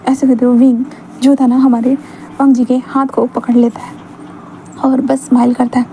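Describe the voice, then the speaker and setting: High-voiced woman retelling a love story. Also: flat delivery, normal speed, warm tone, a little hiss or hum, poor audio. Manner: chatty, conversational retelling. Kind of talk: casual story narration.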